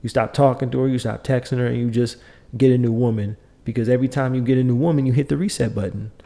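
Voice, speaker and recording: Middle-aged male podcast host; mid-pitched, warm dark timbre; emphatic, repetitive, lecturing delivery. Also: fairly even intonation, quick pace, creaky. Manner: emphatic, lecturing, repeats points. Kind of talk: opinionated monologue.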